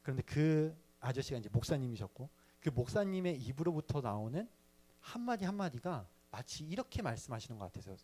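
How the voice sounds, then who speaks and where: A man's voice: mid-range voice, very animated, a little fast, dark tone. A young man telling his personal faith story in a sermon to a youth service, chatty and playful with the audience. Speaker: youth ministry speaker.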